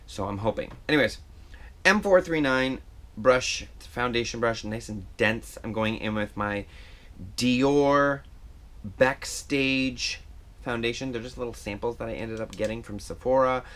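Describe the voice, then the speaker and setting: A man's voice: mid-range voice, a little slow, a bit bright. A man chatting casually through a makeup tutorial at home, rambling and self-deprecating, recorded on an action camera. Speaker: makeup vlogger.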